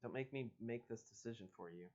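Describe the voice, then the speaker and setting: A man reads an interactive adventure book aloud on an informal livestream, chatting casually and bantering with his co-host and viewers. His medium-pitched, darkish voice is brisk, and the lo-fi stream audio sounds dull.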